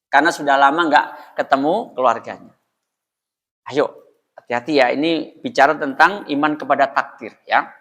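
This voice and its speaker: A man preaches in a prayer room, speaking in a chatty way, putting questions to the congregation and often laughing. His voice sits at a middle pitch. A long hall reverb trails behind him. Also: moderate pace, long pauses, a bit bright. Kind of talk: mosque sermon.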